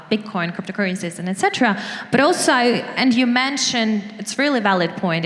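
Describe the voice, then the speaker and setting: A woman's voice: mid-range voice, fairly bright tone. A woman from Ukraine with a Ukrainian accent, asking a question from the audience at a live event. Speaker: audience member, conference organizer. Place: large conference hall, audience microphone. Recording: echoey conference hall.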